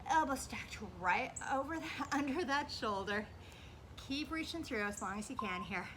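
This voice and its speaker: Female aerobics instructor, slightly high voice, encouraging cues and countdowns while exercising; noisy outdoor backyard recording. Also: lively intonation, moderate pace. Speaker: fitness instructor.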